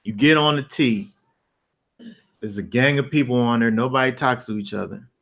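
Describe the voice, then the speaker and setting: A man's voice: medium pitch, normal speed, gravelly. Casual host, man, mid-range voice, rambling storyteller who acts scenes out. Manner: animated storyteller, acts out scenes with sound effects; loose, rambling with restarts. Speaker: host of a Bible study discussion. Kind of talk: casual chat.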